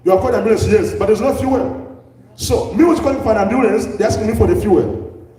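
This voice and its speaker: A man's voice: high voice, fast, mellow. A man with a Ugandan accent giving a lecture to a live audience, firing off rhetorical questions as he speaks. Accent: Ugandan English. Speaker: public health speaker. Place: large hall with an audience. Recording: echoey hall, distant mic.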